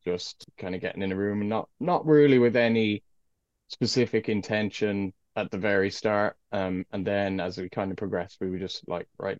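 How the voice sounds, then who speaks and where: A man's voice: low voice, dry recording, highs cut off. A man with a west of Ireland accent chatting casually and in an easygoing, jokey way as a musician guest on a podcast. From County Clare, west of Ireland. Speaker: guest, guitarist and vocalist in a metal band. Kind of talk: casual podcast interview chat.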